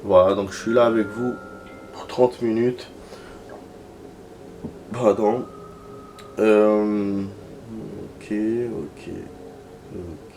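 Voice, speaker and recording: Man, let's-play host, chatty and self-mocking, low voice, faint hiss. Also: fairly even intonation, extremely slow, pauses often, a little mellow. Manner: joking, chatty, laughs at himself. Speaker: gaming let's-player. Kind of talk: casual gameplay commentary.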